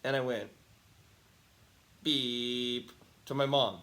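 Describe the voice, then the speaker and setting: Chatty, animated man talking to camera. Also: medium pitch, unhurried. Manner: animated, chatty storytelling with frequent laughs. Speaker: host. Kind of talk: casual talking-to-camera monologue.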